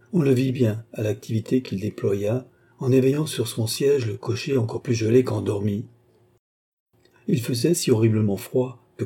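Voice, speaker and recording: A man narrates a classic novel in a measured, even manner. His voice is very dark and mellow, with a husky edge. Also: mid-range voice. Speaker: audiobook narrator. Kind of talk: scripted narration.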